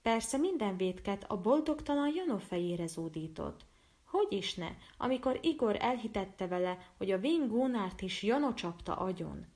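Female storyteller, measured storybook reading, mid pitch. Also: expressive, a little mellow. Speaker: storyteller and illustrator. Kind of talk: storybook narration.

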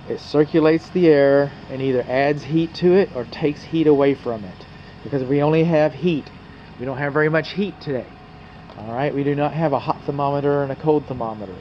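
This North Texas home inspector, medium-pitched, narrates a walkthrough beside a house while filming, chatting with the viewer and wandering off on folksy tangents. His handheld camera mic captures muffled, humming outdoor sound.

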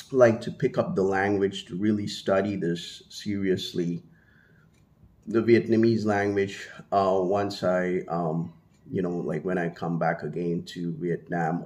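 A deep, darkish voice belongs to this Indian vlogger in his thirties, a first-language Hindi speaker talking informally to camera indoors in a small home room. His delivery wanders, with frequent fillers and restarts. A handheld mini mic sits at his mouth as he gestures with one hand.

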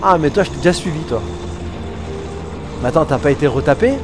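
A man giving casual, excitable commentary while playing a war game, swearing and talking back to the game. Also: a little high, brisk. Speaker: let's play gamer. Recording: game music under voice.

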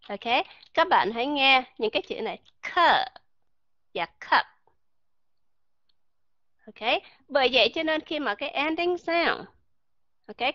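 A woman's voice: fairly high pitch, fairly bright tone, no echo. A woman teaching an English pronunciation class, calling herself by name and quizzing her students. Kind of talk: classroom lecture. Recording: dull lo-fi dry recording.

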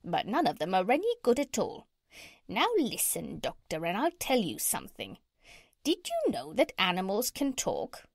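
Storybook parrot, played by a woman: female, proud, emphatic know-it-all, animated intonation, close dry sound. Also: mid-range voice, moderate pace, vocal fry, dry recording, exaggerated voice. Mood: proud, confiding. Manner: emphatic, instructive. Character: bossy, proud female pet parrot, clever and insistent. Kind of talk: children's storybook character reading.

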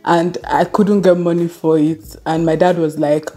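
A woman's voice: fairly low pitch, little pitch movement, normal speed, dark tone. A young woman, telling a casual story to her channel while eating on camera. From Nigeria. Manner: chatty, laughing, eating on camera. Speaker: vlogger.

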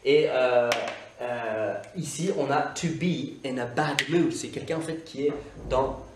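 A man teaching English in a casual video lesson, talking in a chatty way with many fillers and slowly drawing out the English example phrases. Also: mid-range voice, roomy sound, far from the mic, noisy background.

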